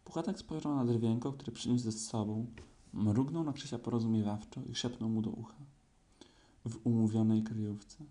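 Man, audiobook narrator, children's story, calm, dark mellow tone. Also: mid-range voice, fairly quick. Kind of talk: storybook reading.

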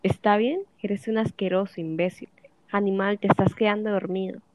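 A woman's voice: mid-range voice, fairly even intonation, normal speed, darkish tone, dry recording, close to an everyday voice. A woman voicing a jealous, bitter wife of fifty who keeps accusing and questioning her husband. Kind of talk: audiobook dialogue reading.

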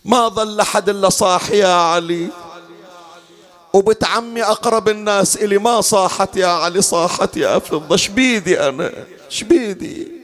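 A man leads a mourning sermon in a notably high voice. He tells the story in a spoken way, then draws the lines out into a slow, sung lament. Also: fairly bright tone. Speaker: mourning preacher.

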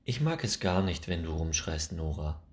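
A man voicing a caring, fussy female sheep who scolds gently, in a storybook reading. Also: low-pitched, very animated, normal speed. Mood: fussing.

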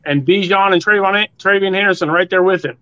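A man's voice: high voice, fairly quick, bright, forceful tone, clean tone, highs cut off. A man on a sports podcast panel giving casual, opinionated football commentary.

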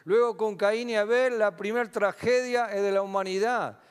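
A man's voice: sits high, fairly even intonation, moderate pace, clear, resonant tone. A man preaching a sermon with a Rioplatense Spanish accent, asking his congregation questions and answering them himself. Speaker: pastor. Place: church hall. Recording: long hall reverb.

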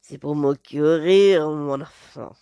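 A woman voicing a big, greedy male wolf in a storybook tale, speaking slowly and darkly. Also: mellow, clean tone, dry recording, highs cut off. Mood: sly menace. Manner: deep, slow and menacing, then sugary when disguised.

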